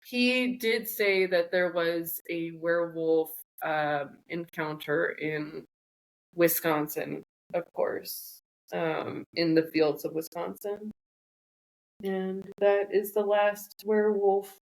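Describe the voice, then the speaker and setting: Low-voiced woman, joking podcast co-host. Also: steady tone, slow pace. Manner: joking, rambling storyteller. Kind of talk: casual chat.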